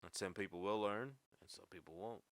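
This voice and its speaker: Deep-voiced, laid-back man in his late twenties. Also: fairly quick, no echo. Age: 20s. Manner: rambling, laid-back, swears often. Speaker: podcast host. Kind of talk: casual chat.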